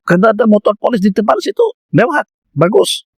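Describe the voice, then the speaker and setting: Malaysian malay preacher guy, animated storytelling, slightly high voice, dry sound. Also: brisk, breathy edge, dry recording. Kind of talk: mosque lecture.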